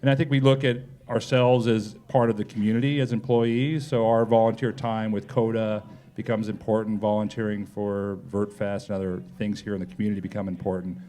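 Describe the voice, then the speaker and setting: Speaking a little fast in a fairly low, warm voice with flat delivery, a company executive gives live panel interview answers on stage at a pub talk event. His manner is chatty, peppered with "kinda" and "you know."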